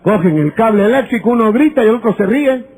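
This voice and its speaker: A man preaching a sermon with emphasis, rising at times to shouts and acting out conversations with his listeners. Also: high voice, expressive, fast, husky, low-quality recording. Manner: acts out dialogues with listeners.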